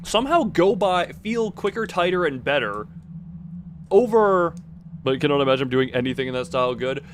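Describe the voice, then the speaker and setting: In casual gaming commentary with slight background noise, a man with a slightly high voice chats with his stream's viewers. He rambles exclamatorily, repeatedly restarting and rephrasing his sentences.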